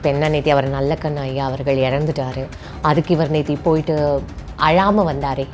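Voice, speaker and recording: A woman's voice: low voice, fairly even intonation, normal speed, a little mellow, faint music behind. A woman interviewing a guest. She comforts him in a mocking way and adds dry, teasing asides. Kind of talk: mock-sympathetic interview.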